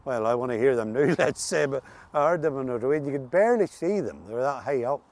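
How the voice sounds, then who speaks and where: A man's voice: mid-range voice, lively intonation, quick pace, darkish tone. Ulster Scots man, folksy dialect talker. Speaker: interview guest. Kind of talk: casual reminiscing chat about local dialect words.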